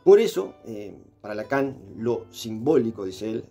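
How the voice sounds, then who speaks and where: A man giving an explanatory monologue, pausing often with filler sounds and tag questions. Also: on the low side, big pitch swings, gravelly, warm tone, breathy edge, faint music behind. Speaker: presenter explaining philosophy.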